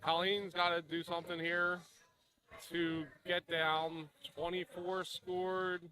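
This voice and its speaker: A man's voice: high-pitched, flat delivery, takes it slowly, pushed and bright, low-quality recording. A man doing casual, informal live darts commentary with some banter between calls.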